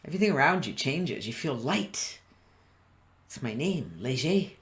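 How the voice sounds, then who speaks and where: A woman business coach giving a live online training, animated and constantly quizzing her listeners. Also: extremely low pitch, unhurried. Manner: animated, keeps quizzing the audience. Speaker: business coach presenting a webinar.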